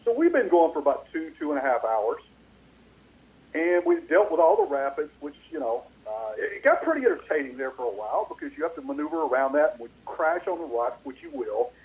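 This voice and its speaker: A man's voice: fairly high pitch, sing-song, a little fast, vocal fry. A man hosting a sports talk radio show, calling in on a phone line with an echo on his microphone and telling a rambling story with many fillers. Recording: echoey, dull, lo-fi phone line.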